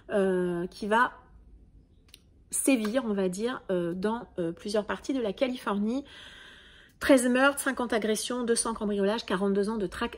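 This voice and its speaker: A woman giving a casual, chatty book review, full of fillers and restarts. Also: fairly high pitch. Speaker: book vlogger.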